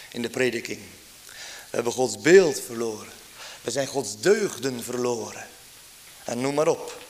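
A man's voice: on the high side, slight background noise. A man preaching a fervent sermon, pleading with his listeners and asking them question after question.

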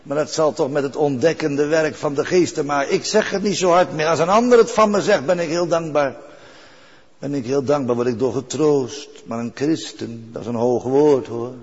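A man's voice: a little high, moderate pace, husky. An older man preaching a sermon in an earnest way, repeating key phrases for weight. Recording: dull recording with long church reverb.

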